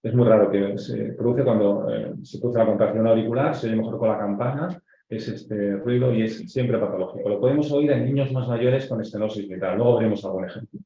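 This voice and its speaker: He is a pediatric cardiologist from Spain with a Castilian accent, and his fairly low, warm voice moves briskly through a step-by-step lecture for residents, full of filler words. The echoey, dull recording carries a slight hiss or hum.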